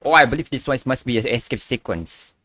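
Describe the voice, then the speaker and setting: A man's voice: mid-range voice, animated, fairly quick, sharp tone, dry recording. A young man giving casual reaction commentary as a video host.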